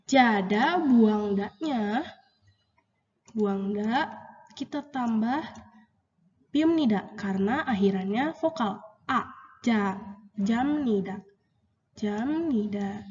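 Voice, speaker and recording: Lady teacher going over korean grammar, repeats words slow, lo-fi muffled sound. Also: darkish tone. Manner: slow, drawn-out repetition of example words, rising pitch on questions. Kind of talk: grammar lesson explaining example sentences. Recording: dull, roomy lo-fi recording with long reverb.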